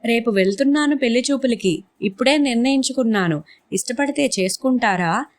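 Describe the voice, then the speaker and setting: A woman's voice: fairly high pitch, expressive, brisk, close to an everyday voice. A woman voicing a touchy, hot-tempered man who answers indignantly and defensively in a read-aloud story.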